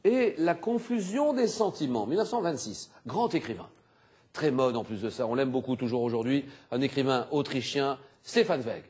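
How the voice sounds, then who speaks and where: A man hosting a TV quiz show, animated and exclamatory, reading clues and teasing contestants in a studio. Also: medium pitch, normal speed, breathy edge.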